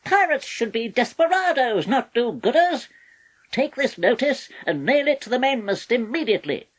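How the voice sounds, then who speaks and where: A man's voice: extremely high pitch, big pitch swings, normal speed, pitched above the performer's own voice, exaggerated voice. A man voicing a blustering, pompous old pirate captain who splutters when flustered. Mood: angry. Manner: huffy, sputtering exclamations.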